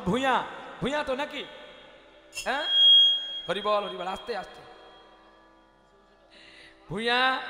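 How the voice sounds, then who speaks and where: A man's voice: high-pitched, bright, forceful tone. A man preaching and telling stories at a devotional kirtan gathering, dramatic and addressing the audience directly. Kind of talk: devotional kirtan storytelling sermon. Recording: echoey hall with music.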